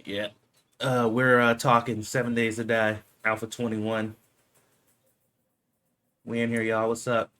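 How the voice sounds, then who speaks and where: A man's voice: mid-range voice, monotone, measured pace, long pauses, sharp tone. A man co-hosting a live stream in loose, slangy casual chat, laughing often.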